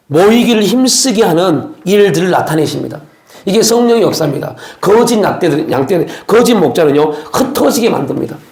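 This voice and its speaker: High-voiced male pastor preaching, echoey hall. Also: darkish tone. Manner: preaching with rhetorical questions and acted quotes. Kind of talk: sermon. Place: church sanctuary.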